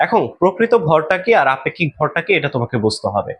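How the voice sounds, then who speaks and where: Male teacher with a Bangladeshi Bengali accent, slightly high and very animated in pitch, drills students by asking and answering his own questions. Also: fast talker, husky. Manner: asks questions then answers them himself; repeats key terms for emphasis. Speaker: chemistry teacher. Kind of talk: exam-prep lesson.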